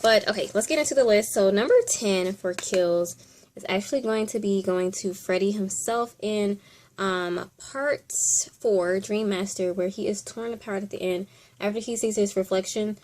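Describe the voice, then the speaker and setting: A woman's voice: medium pitch, normal speed, a little mellow. Chatty woman hosting a top ten countdown. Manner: chatty and informal, thinking aloud. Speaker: video host.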